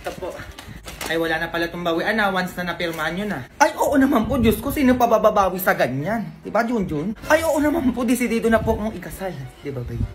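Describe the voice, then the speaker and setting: A person acting out a comic family sketch, switching quickly between several characters. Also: mid-range voice, lively intonation, soft background music. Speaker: comedy sketch creator playing all parts.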